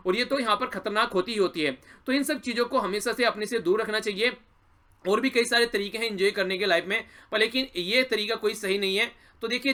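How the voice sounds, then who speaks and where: A young male teacher with a high, bright voice runs through the day's news for exam students at a quick clip. He talks chattily, encouraging and addressing viewers directly. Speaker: current affairs teacher. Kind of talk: exam-prep news lesson.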